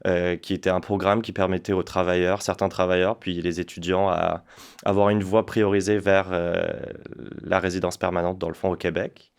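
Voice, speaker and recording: In a casual interview, a guest spokesperson, a Frenchman in his twenties, speaks at normal speed in a deep, smooth voice with flat delivery. His speech is hesitant, packed with fillers and restarts.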